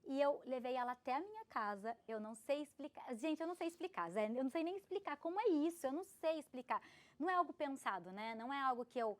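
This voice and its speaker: A woman in her thirties, a podcast guest, telling an emotional personal story in an animated, expressive way. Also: sits high, quick pace. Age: 30s. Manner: animated, expressive, laughs often.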